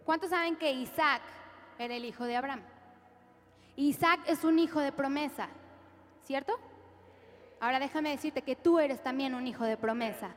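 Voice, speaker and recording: A woman's voice: high-pitched, normal speed, long pauses. A woman preacher with a Latin American Spanish accent, leading the congregation in repeated declarations during a sermon. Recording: reverberant church hall with music. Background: music.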